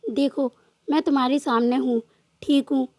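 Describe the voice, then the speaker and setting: A woman voicing a calm young male officer who soothes and gently teases in a storybook love tale. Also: high voice, moderate pace, dry recording, clean studio sound. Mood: soothing. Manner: soft, reassuring, lightly joking. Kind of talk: storybook narration with voiced dialogue.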